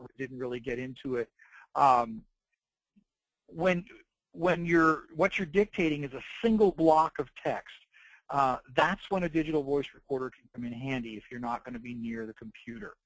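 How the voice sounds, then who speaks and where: A man presenting an informal product tutorial, explaining things in a halting, piecemeal way. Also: fairly high pitch, no echo, rough recording. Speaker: presenter demonstrating dictation devices and software. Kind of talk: informal product tutorial narrated over slides.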